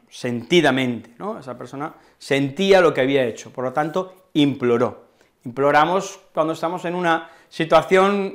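A man with a Spanish accent from Spain and a mid-range voice teaches an online Spanish lesson. He explains patiently and checks in with his students through frequent tag questions.

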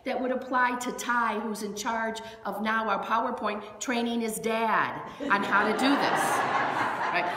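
A woman's voice: fairly high pitch, slight background noise. Woman minister preaching in an echoey hall. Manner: chatty, animated storytelling with asides. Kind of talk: sermon. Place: church sanctuary. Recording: echoey hall with long reverb.

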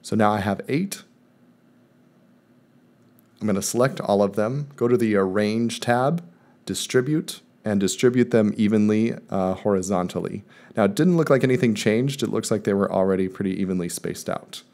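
A man calmly walking viewers step by step through a screen-recorded software tutorial, in voice-over. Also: fairly low pitch, moderate pace. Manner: calm step-by-step explaining. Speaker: math teacher presenting a tutorial. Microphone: voice-over recorded over screen capture.

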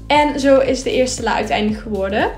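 A young woman talks through her cleaning routine in a friendly, casual voice-over, with an easy "ehm" here and there. Her voice sits a little high. Light music plays quietly beneath her. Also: a little fast. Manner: chatty and upbeat, with filler words. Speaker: vlogger.

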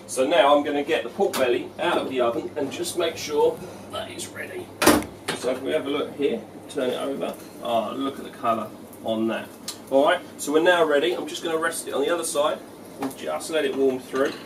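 A man, a head chef walking through a dish at his own relaxed pace, full of "um" and "okay". He's caught on a camera mic from a short distance in a big echoing restaurant kitchen. Frying pans and kitchen bustle sound loudly behind him. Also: on the high side, a little fast. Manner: relaxed, explanatory, frequent "um" and "okay". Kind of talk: cooking demonstration. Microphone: camera mic from a few feet away. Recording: echoey kitchen, distant mic, loud kitchen noise. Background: sizzling pans and kitchen clatter.

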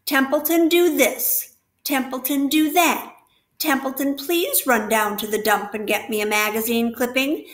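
A woman's voice: on the high side, normal speed, fairly bright tone, pitched above the performer's own voice, close to an everyday voice. A woman voicing a lazy, grumpy male rat who grumbles and mocks with sarcasm, heard with a roomy echo. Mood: grumbling.

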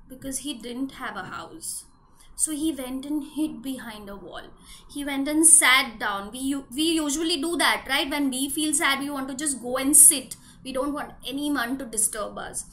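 A woman's voice: sits high, moderate pace, sharp tone. A woman, telling a children's story expressively and dramatically, with questions to young listeners. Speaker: preschool storyteller. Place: small indoor room with bare wall.

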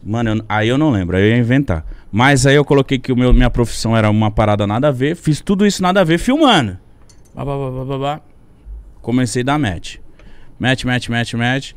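A young man telling a story as a podcast guest, animated and slangy, with a lot of swearing. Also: medium pitch, a little fast, clear, resonant tone, dry recording. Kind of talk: casual storytelling. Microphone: studio podcast mic.

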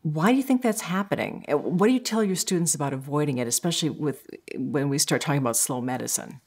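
Woman moderating, really low voice, asks steady direct questions, bookshelves behind her. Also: fast talker, breathy edge. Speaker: guest moderator. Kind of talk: interview questions.

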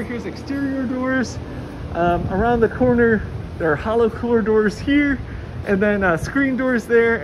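A woman casually guiding a walking tour through a large warehouse, chatty and enthusiastic with many fillers. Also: medium pitch. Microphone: handheld phone camera, walking. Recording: noisy warehouse ambience.

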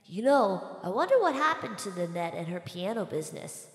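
A woman's voice: medium pitch, sing-song, normal speed, breathy edge, dry recording, clean studio sound. A woman voicing a curious young boy explorer in a children's audio drama, eager and full of wonder. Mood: amazed.

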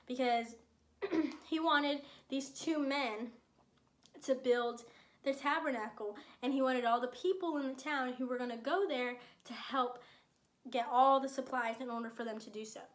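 Young woman doing a kids bible lesson on her phone, slightly high voice, friendly, keeps it simple. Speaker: children's church teacher.

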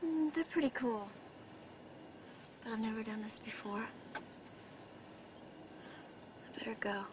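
A woman's voice: on the high side, a little slow, noisy background, lightly acted. An actress playing a teenage valley girl daughter in a film, with a casual Southern Californian valley girl way of talking. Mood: tender, hesitant. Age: young adult. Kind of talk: naturalistic film acting.

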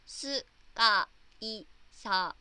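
Bright giggly young Japanese-born woman streamer. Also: medium pitch, extremely slow, clear, resonant tone, no room sound. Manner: giggly and chatty, laughing often. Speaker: livestreamer. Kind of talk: casual chat reading viewer comments.

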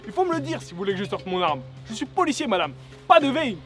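A man's voice: sits high, big pitch swings, fast, music in the background. A man playing a smug mocking cop. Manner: condescending, mock-polite. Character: smug mocking male police officer. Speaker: police officer. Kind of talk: amateur comedy film acting.

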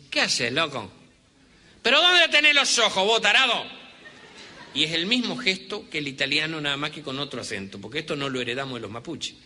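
A man's voice: medium pitch, bright, forceful tone. A man with an Argentine accent telling humorous stories, chatting with the audience and speaking to them directly. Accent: Argentine Spanish. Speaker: storyteller. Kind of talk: humorous folk storytelling. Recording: reverberant hall with faint noise.

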